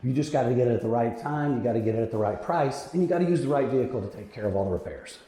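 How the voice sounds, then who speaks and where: A man's voice: medium pitch, lively intonation, racing, mellow. A man walking through a house, pointing out its flaws in an upbeat, joking way. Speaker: realtor touring a house. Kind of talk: walkthrough commentary. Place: indoors in a house basement. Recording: echoey room.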